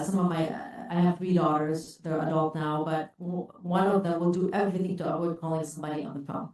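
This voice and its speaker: Low-voiced middle-aged woman professor. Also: darkish tone. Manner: conversational, candid. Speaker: professor of obstetrics. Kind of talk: panel introduction. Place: conference hall. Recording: echoey conference hall.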